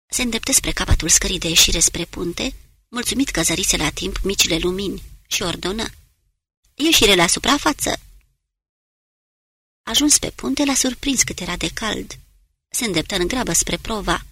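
A woman narrating an audiobook in a steady, measured reading voice. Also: mid-range voice, breathy edge, no echo. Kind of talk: scripted narration.

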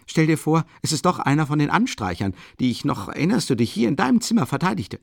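A man reading an excitable young man who rambles and breaks off mid-sentence. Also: on the high side, fast, gravelly, no echo, clean studio sound, full character voice. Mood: excited. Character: agitated young man, excitable, talkative friend.

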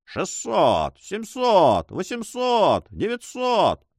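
A man voicing a mocking male auction agent who calls out bids in a drawling monotone. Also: high-pitched, unhurried, dry recording, clean studio sound, voice pushed up. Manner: drawling, sneering.

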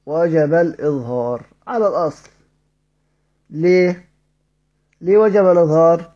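A man with an Egyptian accent teaching the rules of Quran recitation. He asks his students questions, answers them himself and chants verse examples slowly. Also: a little high, warm tone, breathy edge. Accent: Egyptian Arabic. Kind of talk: recorded tajweed lesson. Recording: dull lo-fi audio recording.

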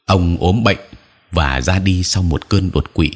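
Male audiobook narrator, deep husky voice, steady somber storytelling. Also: a little slow. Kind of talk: first-person audiobook narration.

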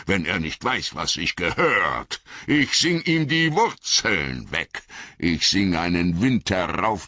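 Tom Bombadil, a booming jolly old man, as a reader puts him on. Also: pushed and bright, breathy edge, no echo, muffled recording, full character voice. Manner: sing-song, booming, drawn-out.

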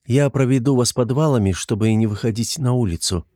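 A man's voice: mid-range voice, fairly quick, dark tone, dry recording, clean studio sound, lightly acted. A man voicing a meek, obedient young serving girl who speaks timidly. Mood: obliging.

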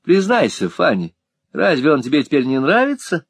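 A man's voice: on the high side, wildly swooping pitch, moderate pace, gravelly, breathy edge, dry recording, voice pushed up, heavily acted. A man voicing a pretty, self-satisfied young woman who talks in a coaxing, giggly way, in a storybook reading.

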